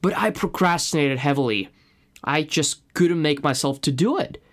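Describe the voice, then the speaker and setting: A man's voice: fairly high pitch, lively intonation, moderate pace. A man from Russia with a Russian accent and native Russian, speaking as a podcast host in an earnest, personal scripted monologue.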